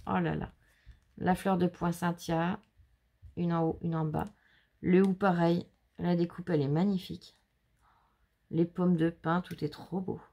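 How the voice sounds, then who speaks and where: Gravelly low-voiced French woman, chatty. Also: steady tone, a little slow, long pauses, warm tone. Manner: chatty, gushing, talks to viewers and helpers. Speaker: scrapbooking channel host. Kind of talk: casual show-and-tell of handmade cards. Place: home.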